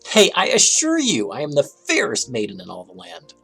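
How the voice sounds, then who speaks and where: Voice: medium pitch, wildly swooping pitch, brisk, vocal fry, fairly bright tone, husky, soft background music, full character voice. A game developer voicing a grumpy, boastful yet insecure young female dragon for a video game, in a theatrical, declamatory manner. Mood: sweetly bluffing. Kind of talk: game character voice-over, playful live read.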